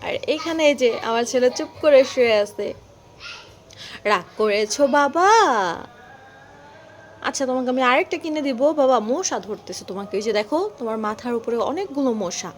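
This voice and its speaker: A young woman with a high, light voice and a Bangladeshi Bengali accent gently coaxes and pleads with her sulking child, filming a family vlog on her phone at home. The recording carries a steady hiss of noise behind her. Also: fast, few pauses, poor audio. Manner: sweet-talking, pleading and coaxing a sulking child. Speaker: vlogger mother. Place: home, indoors.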